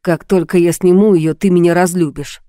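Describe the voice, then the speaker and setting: A woman's voice: fairly low pitch, steady tone, normal speed, mellow, no echo, studio quality, lightly acted. A woman voicing a stern, anxious masked man who answers curtly. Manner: curt, barking.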